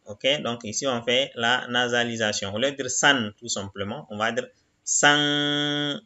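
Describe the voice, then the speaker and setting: A man's voice: fairly even intonation, normal speed, dull audio. A man teaching a reading lesson, patiently sounding out syllables one by one and explaining each rule step by step. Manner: calls out syllables louder and higher than his explanations.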